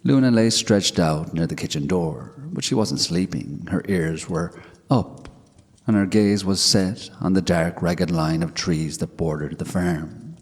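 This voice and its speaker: A man narrating a scripted ghost story in a measured, hushed way. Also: deep voice, breathy edge. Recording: long hall reverb.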